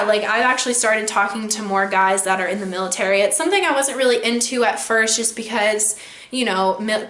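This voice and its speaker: A woman's voice: mid-range voice, fairly bright tone, echoey room. A young woman giving casual dating advice in a vlog, chatty and rambling with lots of fillers. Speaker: vlogger.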